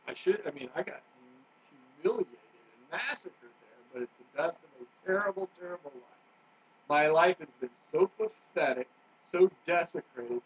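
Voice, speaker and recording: Agitated ranting man, higher voice, lo-fi. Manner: agitated, jumps between topics, swings from loud to muttering. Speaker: vlogger. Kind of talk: rambling monologue rant. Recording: dull lo-fi recording with faint noise.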